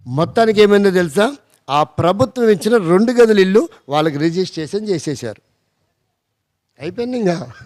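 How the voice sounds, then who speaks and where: A man's voice: fairly high pitch, dry recording. A male pastor preaching a sermon, telling stories and acting out the dialogue with animation. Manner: animated, acts out dialogue in a rising voice. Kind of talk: sermon with storytelling.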